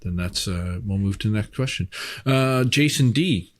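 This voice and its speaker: A man's voice: fairly low pitch, expressive, moderate pace. A middle-aged man, reading viewer questions and chatting in an easygoing way. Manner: easygoing, reads questions, laughs often. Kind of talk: casual chat.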